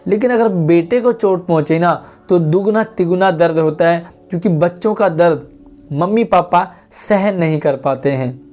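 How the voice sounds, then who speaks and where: A man's voice: high voice, a little mellow. A man teaching a Hindi lesson to schoolchildren, patiently reading lines of a play aloud and then explaining them.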